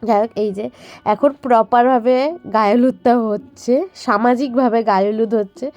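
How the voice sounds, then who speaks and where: A young woman with a Bengali accent and a voice hoarse from a cold, chatting through a casual vlog voice-over with lots of fillers. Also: on the high side, steady tone, normal speed, a little mellow, no echo, dull audio, faint music behind. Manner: chatty, rambling, many fillers. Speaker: vlogger.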